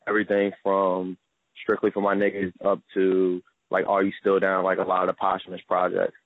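A man's voice: deep voice, completely flat delivery, a little fast, no echo. A man in his twenties from Maryland, a rapper talking about himself in a laid-back, modest way over a phone line. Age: 20s. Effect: heard over a phone line. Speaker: rapper, interview guest. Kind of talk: casual phone interview. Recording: tinny dry phone line.

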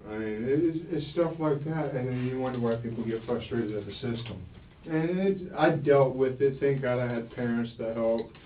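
A man's voice: mid-range voice, slight background noise. Man rambling in a distant, tinny room. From Florida. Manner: rambling, halting, with many restarts. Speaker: interviewee. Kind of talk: police interrogation. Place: police interview room. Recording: echoey, distant, phone-like interrogation room audio.

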